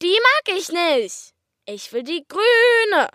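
A woman with an Austrian accent voicing an excitable young boy who shouts and whines about what he wants. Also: sits high, moderate pace, no echo, clean studio sound, voice pushed up. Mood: stubborn. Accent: Austrian German. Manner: shouty, insistent, whiny.

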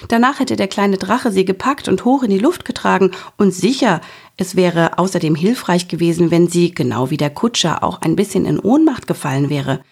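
A woman reads a children's story aloud with lively, expressive storytelling. Her voice sits low and has a husky, breathy grain. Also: moderate pace. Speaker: narrator. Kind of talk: children's audiobook narration.

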